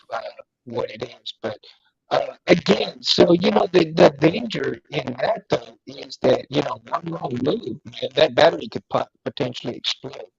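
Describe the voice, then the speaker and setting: A man with a gravelly, husky voice rambles through a casual live stream, full of fillers. His audio sounds tinny and muffled, like a tin-can phone line. The sound is dry and close, with no room around it. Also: medium pitch, no echo. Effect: tinny tin-can phone-like connection. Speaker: livestream host.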